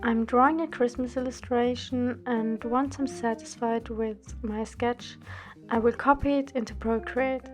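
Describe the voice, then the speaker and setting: A woman's voice: on the high side, unhurried, soft background music. A woman of twenty-one from Austria, narrating a drawing video in a careful, scripted way. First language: German. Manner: careful, steady, read-out delivery. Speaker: art student and drawing channel host.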